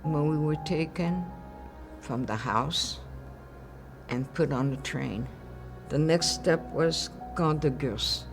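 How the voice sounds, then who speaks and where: An older woman from Belgium giving recorded testimony as a Holocaust survivor, speaking haltingly and searching for words. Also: low voice, music in the background. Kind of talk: archival testimony interview.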